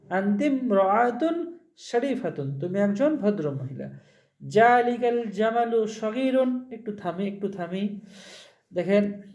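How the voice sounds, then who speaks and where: A man with a notably high voice gives a recorded Arabic lesson. He speaks Bengali as his first language. He explains patiently and says each example sentence slowly, more than once. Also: a little mellow. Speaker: Arabic teacher.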